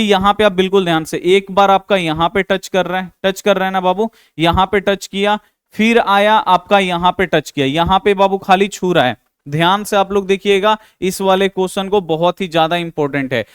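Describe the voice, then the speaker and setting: High, crisp male math teacher. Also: no room sound, studio quality. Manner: patient and repetitive, calls students "babu". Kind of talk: explaining a class 10 math exercise.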